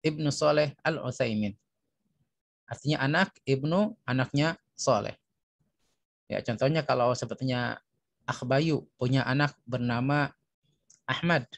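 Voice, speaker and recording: A man with an Indonesian accent teaches an online language lesson, explaining and reading phrases aloud, repeating them for learners in an instructional way. His voice is mid-range and gravelly, with no room sound.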